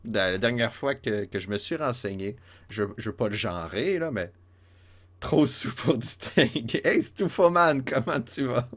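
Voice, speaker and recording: A man talks through a game in a relaxed, joking way, often looping back on his words. His voice sits on the low side. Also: measured pace. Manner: playful, joking, many fillers and restarts. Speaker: let's play host. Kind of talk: casual game commentary.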